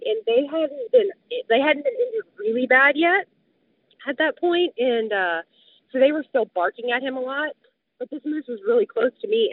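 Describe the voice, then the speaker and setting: A woman's voice: on the high side, no echo. A woman vividly retelling a close call, peppering her talk with fillers of "like". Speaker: guest telling a survival story. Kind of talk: casual spoken storytelling. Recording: dry, tinny phone-like sound.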